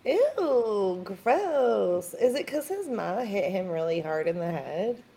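Slow-talking woman reacting on a podcast. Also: medium pitch, sing-song, warm tone. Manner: reactive, joking, swears, laughs. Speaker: podcast co-host. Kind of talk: casual true crime chat.

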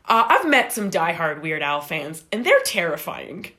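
Animated young woman telling a story. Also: on the low side, normal speed. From Canada. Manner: animated, rambling, acts out quoted voices. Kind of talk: casual storytelling.

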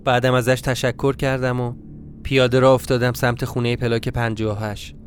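A man telling a dark first-person story in a tense, brooding inner-monologue manner. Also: medium pitch, flat delivery.

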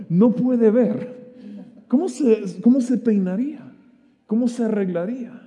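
Preacher, man, high yet mellow voice, long church-hall reverb. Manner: animated, stammering restarts, vivid retelling. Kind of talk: sermon storytelling.

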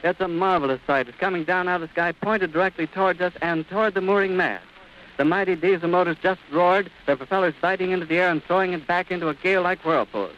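A man's voice: sits high, quick pace, fairly bright tone. A man reporting live as a radio commentator outdoors at an airfield, in a vivid, descriptive old-time announcer delivery. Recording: muffled noisy 1930s archive recording.

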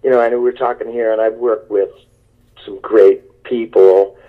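A guest musician rambles enthusiastically during a phone interview, often poking fun at himself, his voice coming through a speakerphone line with phone-quality sound. He speaks at a moderate pace in a fairly low, fairly even voice.

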